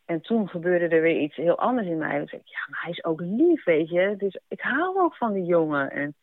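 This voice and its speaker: A woman giving a personal account in a reflective, halting way. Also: fairly low pitch, big pitch swings, dry recording. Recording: narrow radio-broadcast sound, faint music.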